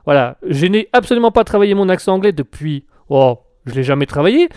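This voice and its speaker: Male host, casual banter, laughs a lot; light high voice, dead-dry sound. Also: expressive, fairly quick, darkish tone, smooth, dry recording. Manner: giggly, playful, often bursts out laughing. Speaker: show host. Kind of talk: casual joking live show chat.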